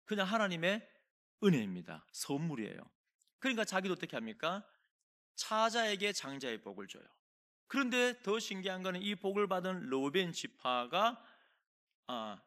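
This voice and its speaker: Animated Korean pastor preaching. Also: male voice, high-pitched. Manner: animated storytelling, acts out quoted voices. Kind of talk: sermon. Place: church sanctuary.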